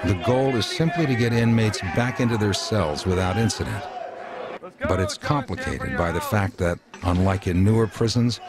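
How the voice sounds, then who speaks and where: An American man reading scripted documentary narration in a measured, serious narrator's delivery. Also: lowish voice, over a noisy crowd. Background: music.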